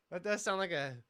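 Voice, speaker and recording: A man's voice: high voice, fairly bright tone, a little hiss or hum. A young man streaming from a music studio, rambling casually, swearing and laughing often. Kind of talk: casual livestream chat.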